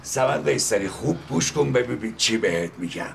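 A bossy taxi dispatcher with a very gravelly voice that swings widely in pitch. He lectures and sometimes shouts over faint background noise. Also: lively intonation. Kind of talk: TV series acting.

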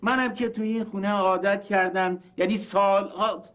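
A man's voice: high-pitched, steady tone, a bit bright, muffled recording. An actor playing a self-righteous eldest brother who scolds and insults his siblings over an inheritance. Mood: lecturing. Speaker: eldest brother in a family quarrel. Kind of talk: TV drama acting.

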